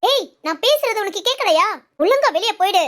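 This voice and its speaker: A woman playing a young wife who is sulking at her husband, scolding him sharply and musing softly to herself in a comic family skit. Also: very high voice, animated, fairly quick. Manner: sharp scolding, then soft musing alone. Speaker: actress in a village family skit. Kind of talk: comic family drama acting.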